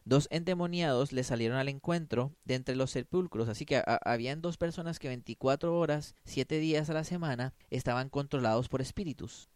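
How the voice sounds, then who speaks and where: A man's voice: mid-range voice, smooth, no echo, studio quality. A man preaching a sermon, emphatic, often asking his listeners questions and acting out the quoted voices.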